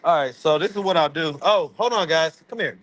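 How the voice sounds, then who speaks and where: A man's voice: fairly high pitch, fairly quick, a bit bright, dry recording. A man, hosting a casual live stream from his phone, loose and playful, laughing often. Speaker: livestream host. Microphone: phone camera.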